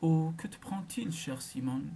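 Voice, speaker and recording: A woman reading the lines of a polite, bewildered young gentleman in her own low voice. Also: measured pace, vocal fry, a little hiss or hum.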